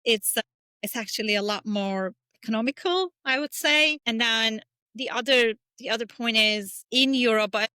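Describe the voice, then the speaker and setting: Bright, clear-voiced woman from Turkey. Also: fairly high pitch, normal speed, no room sound. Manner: thoughtful, with many fillers and restarts. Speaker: podcast guest. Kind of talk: casual interview talk.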